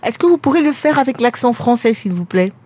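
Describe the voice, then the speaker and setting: A woman making a prank phone call from a radio studio, posing as a formal recruiter and pressing her requests with a deadpan tone. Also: on the high side, brisk.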